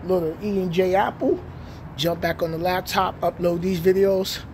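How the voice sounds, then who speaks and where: This middle-aged man from New York City, New York accent and all, strolls through night-time city streets and housing project grounds, vlogging on an arm's-length phone in a laid-back, reflective way laced with street slang. He speaks high-pitched, flat, and slightly mellow at normal speed, with traffic passing in the background.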